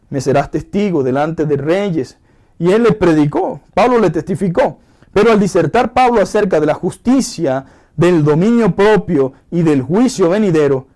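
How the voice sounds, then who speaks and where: High-voiced Venezuelan pastor preaching. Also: male voice, darkish tone. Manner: earnest, preacherly, addresses the congregation directly. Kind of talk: sermon.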